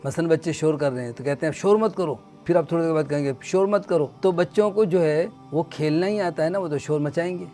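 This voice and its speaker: A man giving a religious lecture on the Quran, explaining earnestly and reciting Arabic verses slowly. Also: on the high side, darkish tone. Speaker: Quran teacher.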